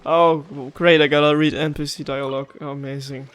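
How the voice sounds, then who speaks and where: A man's voice: fairly high pitch, little pitch movement, brisk, a bit bright, clear, resonant tone. A man hosting a gameplay video, chatting casually in a rambling, easily sidetracked way.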